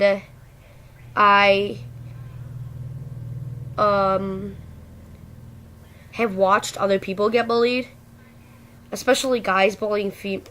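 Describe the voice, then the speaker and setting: A woman's voice: mid-range voice, a little hiss or hum, rough recording. A teenage girl talking casually and candidly to camera in a rambling, slangy way, with a speech impediment that turns her r sounds into w. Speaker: video blogger. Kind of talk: casual personal talk to camera.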